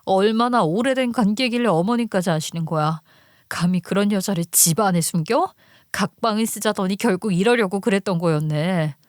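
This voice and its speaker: A woman's voice: medium pitch, normal speed, dry recording, studio quality, lightly acted. A woman voicing a suspicious, furious wife who demands answers from her husband. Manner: sharp, demanding, agitated.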